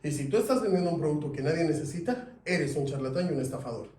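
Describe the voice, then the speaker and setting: A man teaching a sales class, lively, asking his students questions. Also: a little high, quick pace, slight background noise. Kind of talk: classroom lecture. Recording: echoey room, mic at a distance.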